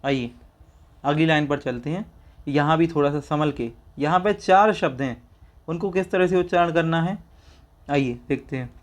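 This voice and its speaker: Speaking at a normal pace in a voice on the high side, a man teaches a Jain scripture by reciting a Sanskrit verse syllable by syllable. He breaks down every word and repeats it patiently so listeners can follow along aloud.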